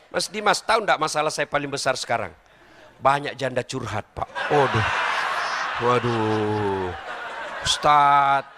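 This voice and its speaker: Middle-aged male preacher; comic sermon, pitch swings up and down a lot. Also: in a large hall, a little hiss or hum. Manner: jokey, animated, addresses listeners directly. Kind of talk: comedic sermon to a live audience.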